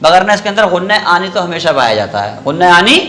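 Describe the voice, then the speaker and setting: Guy teaching quran recitation, high bright voice, keeps quizzing the class and stretching the sounds out, echoey room. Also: sing-song, slight background noise. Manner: asks questions and repeats answers, draws out sounds slowly to demonstrate. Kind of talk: classroom tajweed lesson with call-and-response.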